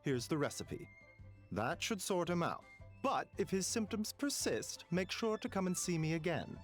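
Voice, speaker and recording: A courteous game doctor, calm and frank. His measured lines rise and fall expressively over soft music. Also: high-pitched. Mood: reassuring. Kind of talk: video game voice acting. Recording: game audio with music behind.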